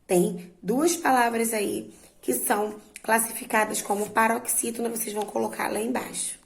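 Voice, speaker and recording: A woman teacher slowly and patiently walking her students through a worksheet, drawing out words to stress their syllables. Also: on the high side, fairly even intonation, gravelly, reverberant, slight background noise, low-quality recording. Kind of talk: remote lesson walking students through exercises.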